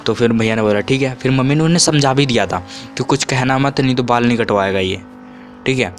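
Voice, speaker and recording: A young man in his twenties tells childhood stories to his viewers in a loose, rambling style. He restarts and corrects himself mid-sentence and jumps into a much higher voice when quoting. His speaking voice sits at a middling pitch for a man. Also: a little fast, soft background music. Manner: acts out quotes with sudden high pitch. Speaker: vlogger. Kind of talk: casual storytelling.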